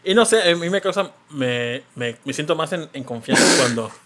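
A man's voice: on the high side, lively intonation, moderate pace, a bit bright. A man with a Mexican Spanish accent hosting a casual podcast, rambling and restarting as he tells his stories. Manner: rambling, full of fillers and restarts. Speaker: podcast host.

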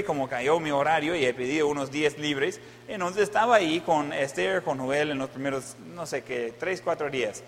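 Middle-aged male pastor, humorous storyteller, slightly high voice, echoing church hall. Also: a bit bright. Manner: storytelling with humor, playful self-mockery. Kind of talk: Mother's Day sermon. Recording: long church hall reverb.

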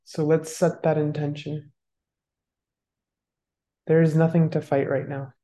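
A meditation guide leading a guided meditation, giving calm, unhurried instructions with long pauses. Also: mid-range voice.

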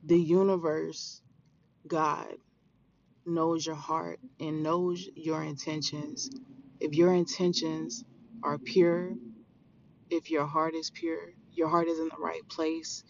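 A podcast host in their thirties speaks slowly, with a gravelly edge to the voice. The delivery is motivational and spiritual, earnest and emphatic, addressed straight to the listener. The recording is a little dull, with music underneath. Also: medium pitch, little pitch movement, slight background noise. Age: 30s.

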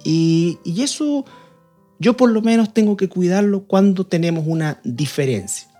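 Earnest, mellow-voiced married man explaining. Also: sits high, expressive, moderate pace, faint music behind. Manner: earnest, explaining at length with many restarts. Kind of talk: casual discussion.

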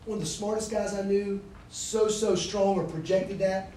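A man preaching to students, telling a personal story and swinging from hushed asides to loud shouted lines. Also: high-pitched, fairly even intonation, moderate pace, slight background noise. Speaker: campus preacher. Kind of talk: sermon. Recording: echoey hall, speaker far from mic.

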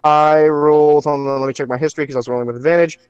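A man playing a tabletop game, excitable and swearing freely. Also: fairly high pitch, rapid-fire, clean tone, no echo. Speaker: player. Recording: dull lo-fi audio.

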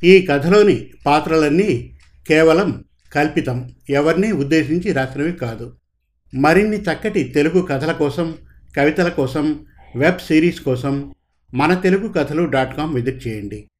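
A man narrates a short story in a steady, scripted reading. His voice sits a little higher than most men's. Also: a little slow.

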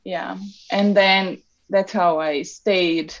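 Slow-talking woman with a Serbian accent. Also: fairly low pitch, dull audio. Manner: relaxed and chatty, with many ums and restarts. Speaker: guest. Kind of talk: casual interview chat.

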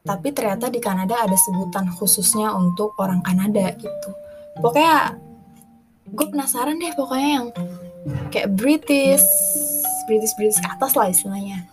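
A woman's voice: mid-range voice, moderate pace, music in the background. A young woman hosting a podcast in a casual, rambling monologue, full of fillers and restarts, dropping English phrases into slangy talk. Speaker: podcast host.

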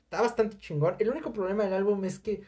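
A young adult speaker with a Mexican accent reviewing an album on a casual podcast, animated and profane, breaking into shouted sound imitations. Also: medium pitch, quick pace. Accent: Mexican Spanish. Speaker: music reviewer.

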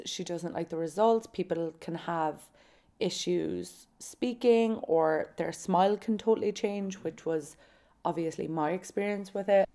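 A woman's voice: fairly low pitch, warm tone. A woman in her twenties with an Irish accent from County Kerry in the southwest, chatting informally and confidingly as she tells personal stories to listeners. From County Kerry, Ireland. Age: 20s. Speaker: podcast host. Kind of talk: casual solo chat, personal storytelling.

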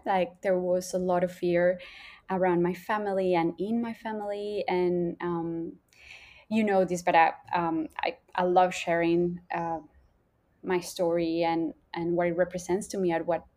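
A Colombian woman in her mid-thirties, a holistic coach whose first language is Spanish, tells her personal story as a podcast guest with a Colombian accent. Her lowish, warm voice stays steady at a measured pace as she reflects and searches for words.

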